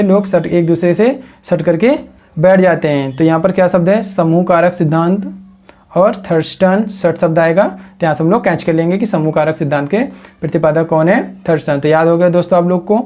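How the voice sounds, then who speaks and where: Male coaching teacher, mellow tone, drills mnemonics through question and answer. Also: high-pitched, moderate pace. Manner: repeats questions to the class and answers them; builds memory tricks from words. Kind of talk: exam coaching lecture.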